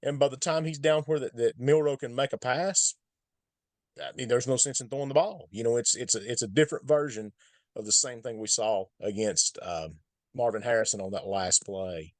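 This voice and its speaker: A man's voice: mid-range voice, moderate pace, dry recording. A man with an Appalachian hillbilly accent giving casual, emphatic sports commentary as a football film analyst, folksy and repeating points for stress.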